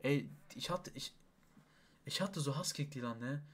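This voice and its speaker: Young man, rambling, emphatic, casual venting, medium pitch. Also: a little slow, breathy edge. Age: young adult. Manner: rambling, emphatic, repeats oaths and restarts. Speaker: livestream host. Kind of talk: casual venting to an online chat partner.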